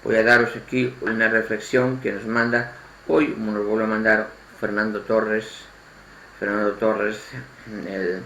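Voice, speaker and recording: A man from Spain with a Spanish accent giving an informal spoken sermon, halting and restarting his phrases and repeating words as he goes. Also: on the low side, flat delivery, sharp tone, a little hiss or hum. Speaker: lay preacher. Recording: echoey room, faint ambience.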